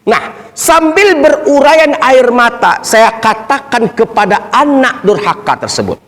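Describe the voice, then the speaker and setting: A male preacher telling an emotional story in a sermon, swinging from soft talk to shouting. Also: extremely high pitch, very animated, measured pace. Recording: long hall reverb.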